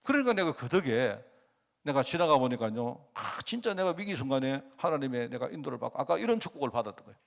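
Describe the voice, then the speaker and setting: A middle-aged man preaching a sermon, often asking the congregation rhetorical questions, swinging between loud and soft. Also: medium pitch, sing-song, fast talker, vocal fry. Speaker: pastor.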